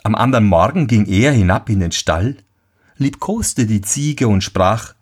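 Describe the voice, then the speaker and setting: Slow husky fairy-tale narrator. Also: medium pitch. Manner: calm, lively intonation.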